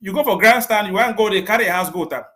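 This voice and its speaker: A man with a Cameroonian Pidgin English accent, speaking as a commander in a livestream interview and laying out orders in a forceful, declamatory way with repeated warnings. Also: high voice, fast talker.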